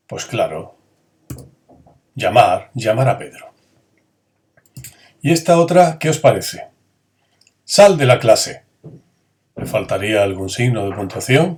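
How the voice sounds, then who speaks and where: In a lowish voice, a man teaches grammar, asking his students questions and answering them himself. For every example sentence, he acts out the intonation.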